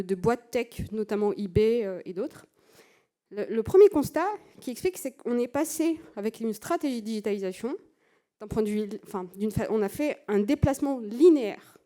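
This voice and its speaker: A woman's voice: on the high side, dark tone. A woman giving a conference talk, hesitant and full of fillers and restarts. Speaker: conference speaker. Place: conference stage.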